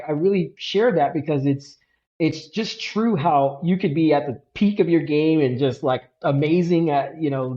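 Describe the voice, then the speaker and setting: A man's voice: fairly high pitch, dull audio. A man co-hosting a podcast and telling his story in a casual, earnest way with lots of filler words. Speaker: podcast co-host.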